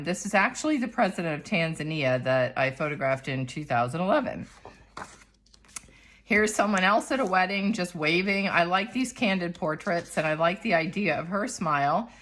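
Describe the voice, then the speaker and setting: Lively woman teaching a drawing lesson. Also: fairly low pitch. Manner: lively, demonstrative, chatty. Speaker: art teacher. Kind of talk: instructional art lesson.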